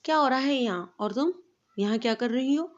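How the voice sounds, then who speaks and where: A woman voicing a harsh, angry young husband who shouts and rejects his wife, in a storybook reading. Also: a little high, lively intonation, muffled recording, lightly acted.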